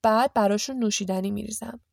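A woman's voice: mid-range voice, steady tone, gravelly, a little mellow, no echo, clean studio sound, lightly acted. A woman doing a bossy blustering family man. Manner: commanding, bossy. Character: blustering middle-aged man, bossy head of household.

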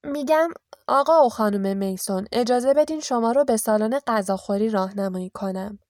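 A woman's voice: on the high side, darkish tone, no room sound, studio quality, lightly acted. A woman voicing a spoiled, smug boy reciting rehearsed polite lines in an audiobook reading.

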